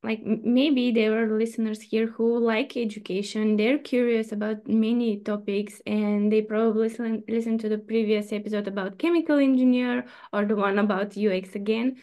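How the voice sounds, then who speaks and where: A woman's voice: fairly high pitch, little pitch movement, moderate pace, hardly any pauses, warm tone. A young woman hosting a casual interview podcast over a video call, friendly and chatty, with some fillers. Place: room at home with plants and shelves, indoors. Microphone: webcam on a video call.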